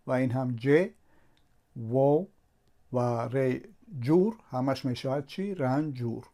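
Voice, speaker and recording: A man teaches a slow spelling lesson. He sounds out letters one at a time, patient and methodical, building each syllable step by step and repeating the same patterns. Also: medium pitch, warm tone.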